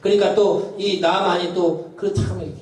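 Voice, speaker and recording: Male pastor preaching, highish voice, acts out the story lines, big echoey church, sounds far from the mic. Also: normal speed. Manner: animated storytelling, acting out quoted lines, frequent "예". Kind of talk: sermon. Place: church sanctuary.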